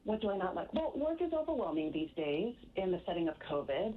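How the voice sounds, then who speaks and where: A woman's voice: medium pitch, big pitch swings, brisk. A woman in her forties calling in to a radio show, laying out her situation in an organized, earnest way. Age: 40s. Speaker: caller. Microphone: phone. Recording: tinny phone line.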